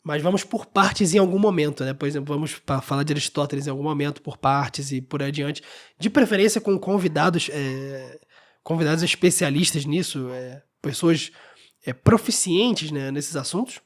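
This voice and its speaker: A man's voice: a little high, normal speed. Man explaining patiently, checking in often. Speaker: podcast host. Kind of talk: solo lecture-style podcast talk.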